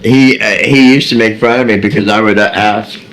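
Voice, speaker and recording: A man's voice: lowish voice, fairly even intonation, brisk, fairly bright tone, slight background noise, poor audio. A middle-aged man co-hosting a casual podcast, rambling, laughing often and trailing off mid-sentence. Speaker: podcast co-host.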